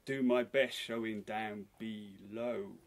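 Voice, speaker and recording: A man's voice: on the low side, fairly even intonation, takes it slowly. A man doing a sly, menacing Mister Punch.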